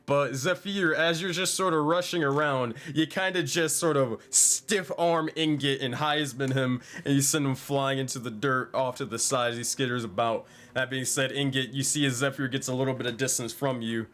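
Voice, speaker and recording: A man's voice: mid-range voice, steady tone, moderate pace, hardly any pauses, fairly bright tone. A man running a tabletop game as game master, improvising narration in an informal, sweary way.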